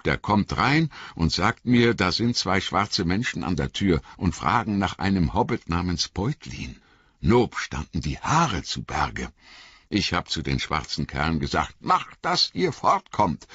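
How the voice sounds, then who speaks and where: A man's voice: deep voice, breathy edge, dry recording, voice pushed up, heavily acted. A man voicing a chatty, flustered innkeeper in an audiobook reading, rambling and apologetic. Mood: ominous. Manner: rambling, apologetic, lively storytelling. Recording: dull lo-fi recording.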